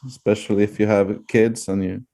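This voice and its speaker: A man's voice: lowish voice, level tone, fairly quick, mellow. A man with a Swedish accent chatting casually as an interview guest, hesitant and often searching for words. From Sweden.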